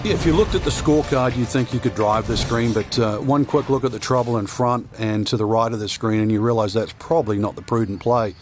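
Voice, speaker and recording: A man's voice: mid-range voice, brisk, hardly any pauses, over music. A man giving conversational golf commentary as an analyst, explaining the shots and the course. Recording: clear outdoor background noise.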